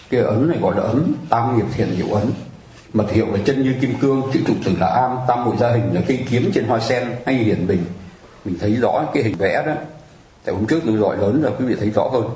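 A man's voice: on the low side, mellow, echoey room, a little hiss or hum, poor audio. A man teaching Buddhist practice in a patient, conversational way, often asking listeners if they follow. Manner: patient, explanatory, keeps asking listeners to agree. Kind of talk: conversational teaching on mudras and mantras.

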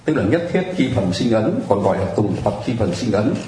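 A man's voice: lowish voice, very animated, fairly quick, mellow, reverberant, slight background noise, low-quality recording. A man teaching Buddhist practice in a patient, conversational way, often asking listeners if they follow. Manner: patient, explanatory, keeps asking listeners to agree. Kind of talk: conversational teaching on mudras and mantras.

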